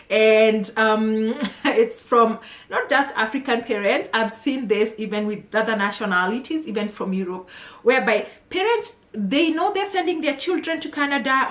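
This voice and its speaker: A woman's voice: a little high, a bit bright, roomy sound. A woman immigration consultant giving direct, scolding advice in a vlog.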